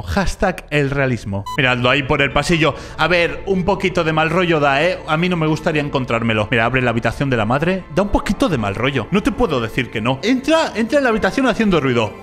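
A man giving sarcastic, jokey reaction commentary on a video, mocking it and jumping up in pitch when he exclaims. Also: a bit bright.

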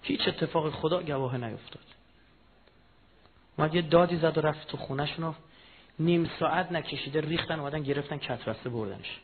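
A man giving a mourning sermon, telling a personal story, moving from low murmured storytelling to loud impassioned rising cries. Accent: Persian of Iran. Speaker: religious speaker. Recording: tinny phone-like recording with faint noise.

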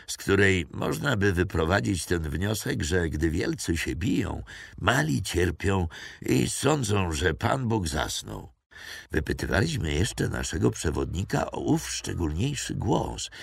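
A man narrating an audiobook in a measured storytelling manner, recorded close on a studio mic. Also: deep voice, vocal fry, no echo.

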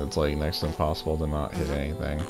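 A man's voice: rumbling low, monotone, fast talker. A man giving casual, hesitant, rambling commentary while he plays a game. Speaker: gamer commentator. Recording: game music and dialogue behind.

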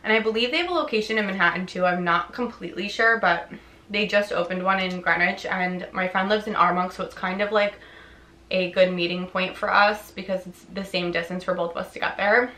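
A woman's voice: medium pitch, brisk. A young woman vlogging from her living room couch, tired and chatty, talking casually and saying "like" a lot. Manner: relaxed, chatty, heavy use of "like". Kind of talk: casual vlog chat. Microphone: camera on a tripod. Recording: roomy home recording with faint hiss.

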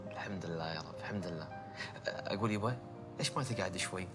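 An actor playing a respectful, dutiful young son in a TV drama, with a Gulf Arabic accent and a polite, deferential manner. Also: male voice, low voice, quick pace, music in the background, lightly acted. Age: young adult. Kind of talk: naturalistic TV drama acting.

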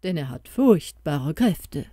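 A woman's voice: deep voice, sing-song, takes it slowly, warm tone, dry recording, studio quality, heavily acted. A woman voicing an old king bewitched into a small crowned mouse, who comforts and urges the hero in a storybook tale. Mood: earnest, urging. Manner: comforting, urging.

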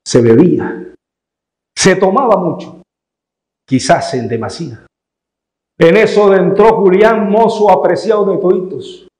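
A man's voice: high voice, animated, unhurried, long pauses, darkish tone. Middle-aged male reciter for grand poetic declamation; swooping theatrical delivery in a bare, echoey room. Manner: dramatic storytelling, acting out dialogue.

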